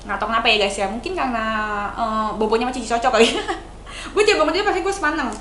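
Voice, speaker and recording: High-voiced woman ranting in Jakarta slang. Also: very fast, a bit bright, a little hiss or hum. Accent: Jakarta colloquial Indonesian. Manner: confrontational, scolding, keeps addressing viewers as "guys". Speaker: vlogger. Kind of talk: casual angry rant to camera.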